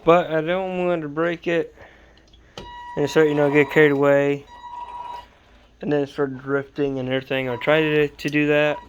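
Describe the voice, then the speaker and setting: A man's voice: fairly high pitch, flat delivery, moderate pace, pauses often, slight background noise. A man filming a casual update on his model truck late at night, sleepy and rambling in an easygoing way, stopping to correct himself. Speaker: RC hobby vlogger. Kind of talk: casual build update vlog.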